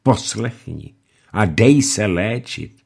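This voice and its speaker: A gentle young woman coaxing a stubborn friend, as a man voices her in an audiobook. Her lines come soft and quiet, in a low voice. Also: lively intonation, creaky, slightly rough, full character voice.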